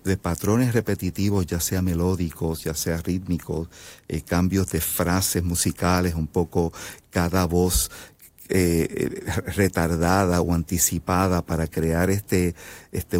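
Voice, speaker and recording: A man's voice: sits low, a little mellow, no echo. A man from Puerto Rico with a Puerto Rican Spanish accent, a composer guest on a radio interview, explaining at length with frequent fillers and restarts. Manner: thoughtful, many fillers and restarts.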